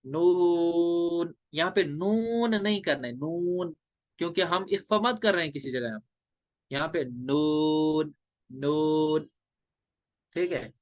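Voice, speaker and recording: A male teacher explaining recitation rules step by step, drawing out letters in slow chanted examples. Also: fairly high pitch, expressive, a bit bright, no room sound, lo-fi sound. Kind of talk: classroom lecture on recitation rules.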